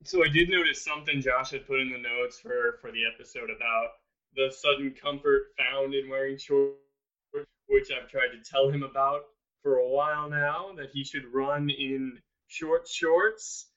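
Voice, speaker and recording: A man's voice: medium pitch, steady tone, normal speed, bright, forceful tone. A man co-hosting a podcast, chatting in a playful, teasing way. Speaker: podcast co-host. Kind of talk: casual chat. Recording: dull lo-fi sound.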